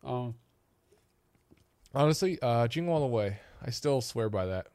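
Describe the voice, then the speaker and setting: A man's voice: medium pitch, lively intonation, a little slow, darkish tone, clear, resonant tone, no room sound. A man co-hosting a podcast, joking and rambling in casual chat. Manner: rambling, joking, repeats words. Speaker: podcast co-host.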